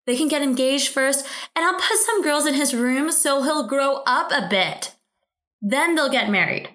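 A woman voicing a gloating, pushy middle-aged mother-in-law who talks down to people with a smug, drawn-out "mm". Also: high voice, animated, fairly bright tone. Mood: condescending. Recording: roomy echo.

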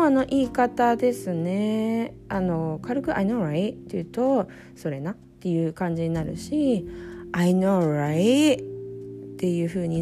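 A woman hosts a relaxed podcast lesson, talking slowly and chattily with plenty of fillers. Her voice has a gravelly edge, and music plays clearly behind her. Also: fairly low pitch. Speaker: podcast host, English teacher. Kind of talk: bilingual casual podcast lesson.

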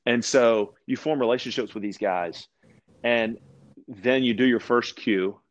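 A man from Louisiana, a podcast guest, telling casual stories with lots of restarts and animated asides. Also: medium pitch, measured pace, highs cut off. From Louisiana, USA. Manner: rambling, animated anecdotes with frequent restarts. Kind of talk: casual storytelling conversation.

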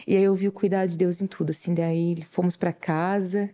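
A woman's voice: on the low side, level tone, a little fast, mellow. A woman, telling an emotional faith testimony as a podcast guest and acting out her own quoted words. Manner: earnest, tearful at times, acts out her own quoted words.

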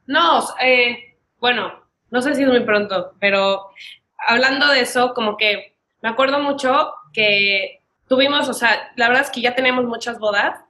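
A woman in her early thirties with a Mexican accent, a wedding planner appearing as a podcast guest, tells her story casually and animatedly, often acting out bits of dialogue. Her voice is fairly high, bright, and pushed, at a moderate pace.

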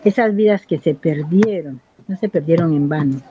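A woman's voice: deep voice, moderate pace, highs cut off, background noise. A woman in her fifties from Buenaventura, Colombia, giving an earnest, impassioned interview about her life and community. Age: 50s. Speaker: local resident. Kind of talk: interview testimony.

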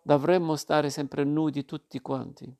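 A man's voice: fairly high pitch, flat delivery, unhurried, creaky, a little mellow. A man reading as a carefree young woman. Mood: playful.

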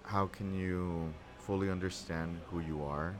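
A man's voice: low-pitched, steady tone, measured pace. A young man, a podcast guest, chatting casually in a reflective, slangy way. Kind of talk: casual chat. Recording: clearly noisy background.

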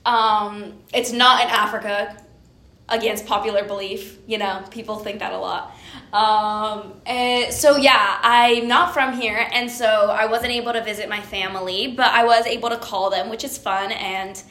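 A woman's voice: medium pitch, steady tone, measured pace, sharp tone. A young adult woman from Honduras co-hosting a casual student podcast, upbeat and playfully teasing. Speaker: podcast co-host, student community leader. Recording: echoey room.

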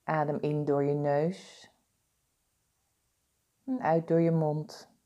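Slow, mellow-voiced woman guiding meditation. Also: deep voice. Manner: slow, soothing, calm instructions. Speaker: meditation guide. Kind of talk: guided body-scan meditation.

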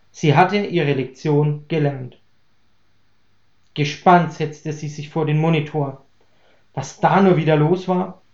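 A man reading a German story aloud in a calm, even audiobook voice. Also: fairly high pitch. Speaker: story reader. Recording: roomy, dull lo-fi recording.

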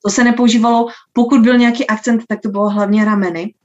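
A woman who teaches dance, answering interview questions in a slow, thoughtful way with many filler sounds. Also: a little high, steady tone, darkish tone. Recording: dull lo-fi sound.

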